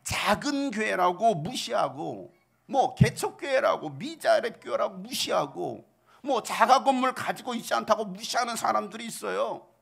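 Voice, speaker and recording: A middle-aged male pastor preaching, full of rhetorical questions and sudden shouted outbursts, with a gravelly voice. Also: high voice, lively intonation, moderate pace. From South Korea. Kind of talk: sermon.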